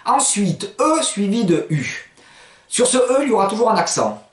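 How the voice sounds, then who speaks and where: Lively-voiced man teaching pronunciation, echoey room. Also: high voice, normal speed. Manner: clear, patient, spells out letters and sounds. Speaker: language teacher. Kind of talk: spoken pronunciation lesson.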